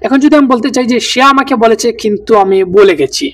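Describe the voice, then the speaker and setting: A man teaching a spoken language lesson, saying each phrase slowly and repeating it twice. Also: very high voice, distant mic.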